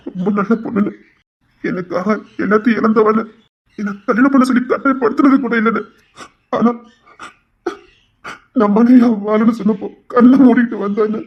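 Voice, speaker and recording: A young man pleads and apologizes in a high, husky voice, as a man acts him out. The delivery is emotional and earnest throughout. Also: steady tone, normal speed, long pauses, soft background music.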